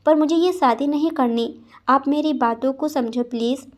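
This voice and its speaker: A woman's voice: sits high, moderate pace, lightly acted. A woman voicing an angry, tearful young female student who argues and pleads. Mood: defiant. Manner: defiant, pleading.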